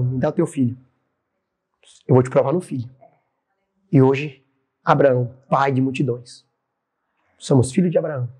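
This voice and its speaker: A man who is a pastor, telling a lively testimony story in a faith podcast interview, with a Brazilian Portuguese accent. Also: medium pitch, husky. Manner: lively storyteller acting out quoted voices. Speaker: pastor and church president, podcast guest.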